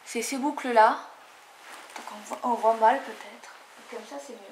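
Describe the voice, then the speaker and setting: A woman's voice: on the high side, steady tone, normal speed, a little hiss or hum. A young woman from French Guiana, chatting through a casual hair tutorial with lots of fillers and restarts. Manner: chatty, rambling, many fillers. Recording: echoey room.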